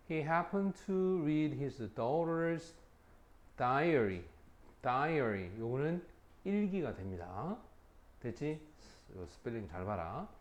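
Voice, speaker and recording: A middle-aged man teaching English vocabulary in a lecture, reading English example sentences slowly and checking in informally with his students. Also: mid-range voice, darkish tone.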